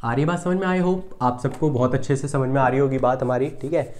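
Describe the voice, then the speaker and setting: A man's voice: medium pitch, a little fast, darkish tone. A man teaching English vocabulary in a casual online lesson, repeating each word and checking often that students follow. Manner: repetitive, checks understanding often, drills words.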